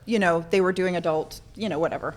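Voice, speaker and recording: Her voice is lowish and quick as she recounts her addiction recovery to a group. Born in Norway and now from central Florida, she speaks informally, candidly, and with self-deprecating humor, becoming animated when acting out moments.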